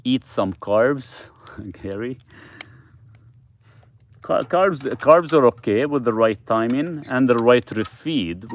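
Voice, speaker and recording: A man's voice: fairly low pitch, slight background noise. Man rambling through a live Q&A. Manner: loose and rambling, with frequent restarts. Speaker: host answering viewer questions. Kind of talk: casual live Q&A.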